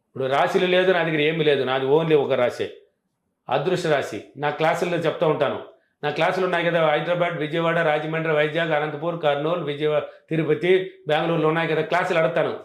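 A man's voice: on the high side, roomy sound. A man teaching self-help affirmations, answering interview questions in a self-assured, emphatic and repetitive way.

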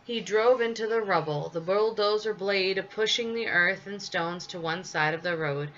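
A woman reading a children's storybook aloud, measured and expressive. Her voice is bright and clear, though the recording is slightly dull with a faint hiss behind it. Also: medium pitch. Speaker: storybook reader.

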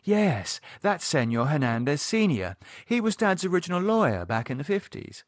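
Breezy, teasing cult hostess, a young woman, put on by a male reader, pitched well up. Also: sing-song, moderate pace, no room sound, clean studio sound.

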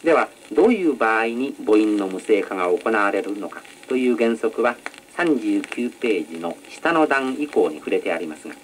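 A man teaching announcing technique in a measured, polite lecture style, on an old educational record. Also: on the low side, sing-song, low-quality recording. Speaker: announcing instructor. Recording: old record with faint noise.

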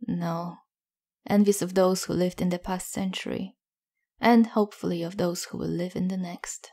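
A tired, worried father in an audio story, speaking quietly under the weight of bad news, as a woman narrator reads him. The delivery is low and flat in pitch, with a husky breathiness. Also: moderate pace. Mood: weary. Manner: quiet, heavy-hearted. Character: worried middle-aged father, weary.

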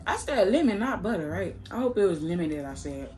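A woman's voice: mid-range voice, sing-song, brisk, dark tone, faint music behind. A young adult woman talking casually and slangily to viewers with food in her mouth, chewing while she talks. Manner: slangy, informal, addresses viewers as bro and y'all. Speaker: mukbang vlogger. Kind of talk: casual chat while eating. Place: small room at home, indoors.

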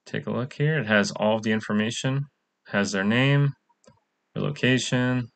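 A young man studying at a coding bootcamp gives a plain, casual walkthrough of his web app over a screen recording, saying "um" a lot. He speaks at a moderate pace in a mid-range voice.

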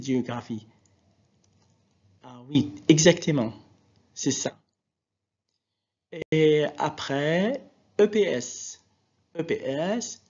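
A man's voice: a little high, a little mellow. A man teaching a French lesson and switching into Arabic to explain, patiently repeating and drawing out example words for his students. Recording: dull lo-fi recording.

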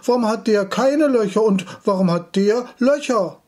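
A man's voice: sits high, expressive, normal speed, darkish tone. A man voicing a curious, stubborn little boy who keeps pleading with his parents. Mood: whiny insistent. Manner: pleading, insistent questions.

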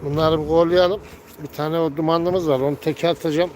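Man, pigeon keeper, casual outdoor chat, slightly high voice, clear outdoor noise. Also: steady tone, moderate pace. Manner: calls birds with repeated gel, gel and whistles, scolds loudly. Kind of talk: casual narration while tending pigeons.

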